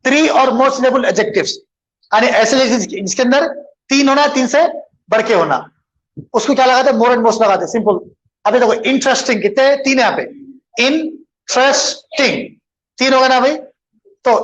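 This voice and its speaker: A man's voice: very high voice, a bit bright, highs cut off, slight background noise. A man teaching an English grammar lesson, switching between English and Hindustani and answering his own questions as he goes. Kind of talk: bilingual classroom lesson.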